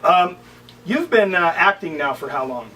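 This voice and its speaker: A man's voice: high-pitched, expressive, normal speed, bright, forceful tone, recorded from a distance, slight background noise, poor audio. Joking man hosting a casual interview. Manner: joking, banter-heavy, loose with fillers. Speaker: interview host. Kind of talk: casual chat.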